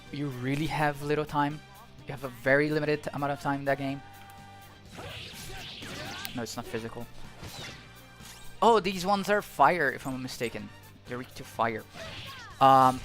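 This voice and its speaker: A young Brazilian streamer chats casually over his gameplay in a medium-pitched, fairly bright voice. He is a native Portuguese speaker with a Brazilian Portuguese accent, and his talk rambles as he thinks aloud and frequently starts over.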